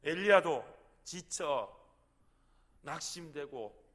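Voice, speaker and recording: A male pastor giving an impassioned, dramatic sermon that swings between loud and soft passages. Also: a little high, expressive, extremely slow, in a large hall.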